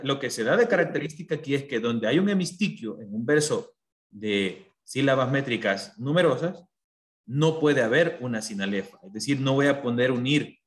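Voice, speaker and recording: A man teaching a class, explaining patiently and checking that students understand with frequent questions. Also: mid-range voice. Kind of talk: online class lesson.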